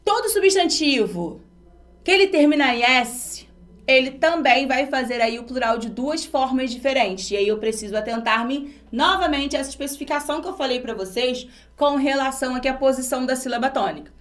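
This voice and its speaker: A woman's voice: high voice, a little fast, a bit bright. A woman from Brazil teaching an exam-prep grammar lesson, explaining step by step and asking her students rhetorical questions.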